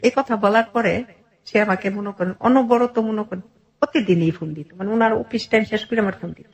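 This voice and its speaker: Speaking at a medium pitch and a fairly quick clip, this middle-aged Bangladeshi-accented woman is an interview guest recounting her life. Her conversational storytelling is earnest and detailed, with frequent quoted dialogue.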